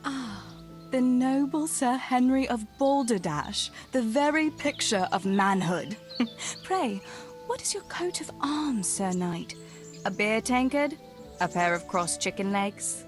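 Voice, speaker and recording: Theresa, a teasing young village sweetheart. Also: female voice, fairly high pitch, expressive, slow, soft background music. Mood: mock-courtly teasing. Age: young adult.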